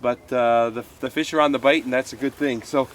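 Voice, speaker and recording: This fishing show host, a man in his fifties, talks briskly to the camera from a creek bank in a mid-range, steady voice, a little stuffy from a cold. Loose and folksy, he fills his speech with "uh"s and keeps calling viewers "folks," against slight background noise.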